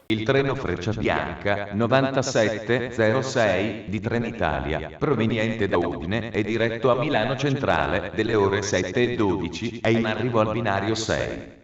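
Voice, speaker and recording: Echoey, flat formal male station announcer. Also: lowish voice, a little slow, distant mic. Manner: flat, formal, segmented phrasing. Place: train station public address system. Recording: echoey dull station loudspeaker from afar.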